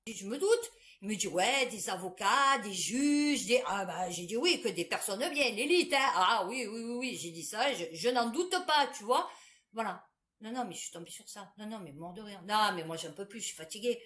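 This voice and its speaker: A woman's voice: mid-range voice, lively intonation, moderate pace, fairly bright tone. A woman, telling a personal story to the camera in a blunt, crude, chatty way, breaking into laughter often.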